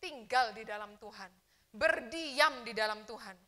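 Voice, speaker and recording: Bright high-voiced woman preaching. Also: a little slow. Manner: lively preaching, acts out complaining churchgoers. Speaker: pastor. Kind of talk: sermon. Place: church.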